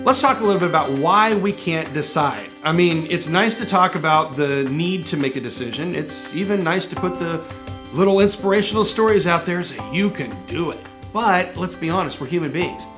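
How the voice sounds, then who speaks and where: A man's voice: fairly high pitch, animated, normal speed, music in the background. Earnest motivational male podcast host. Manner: earnest, emphatic, rhetorical questions. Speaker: podcast host and personal development coach. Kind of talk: motivational talk.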